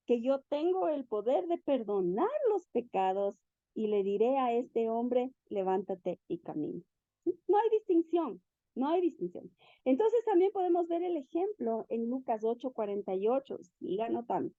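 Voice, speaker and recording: A woman preaching a sermon in an animated way, asking the listeners questions and acting out the quotes. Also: high-pitched, no echo. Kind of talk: sermon teaching. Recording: dull, lo-fi recording.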